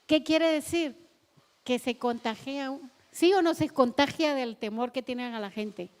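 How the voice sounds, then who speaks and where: A woman preacher, telling stories and asking the congregation questions in an animated sermon. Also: high-pitched, slow pace, pauses often. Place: church hall. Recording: long hall reverb.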